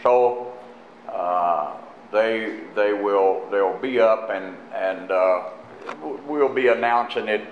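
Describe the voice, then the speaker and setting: An older man speaking as a pastor in a church, halting and full of fillers and restarts. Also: lowish voice, a little hiss or hum. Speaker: pastor introducing a guest teacher. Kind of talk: unscripted church announcements and sermon. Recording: echoey, muffled live church stream.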